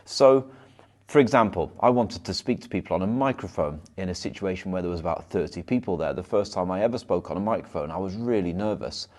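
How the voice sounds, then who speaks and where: A man, a hypnotherapist, talking to camera with self-help advice. He rushes his words and sometimes stumbles or repeats them. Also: low voice, lively intonation, darkish tone. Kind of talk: motivational advice monologue to camera.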